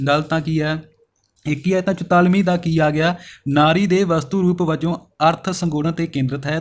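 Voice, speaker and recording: A man teaching as an exam-coaching teacher, walking through past paper questions one by one and often answering his own questions. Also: on the high side. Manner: addresses viewers as friends. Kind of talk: exam question walkthrough lesson.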